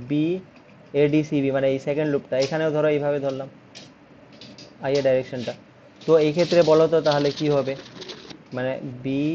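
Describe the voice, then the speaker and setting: A man's voice: on the high side, mellow, muffled recording, a little hiss or hum. A man with a Bengali accent teaching a physics lesson, patiently explaining step by step.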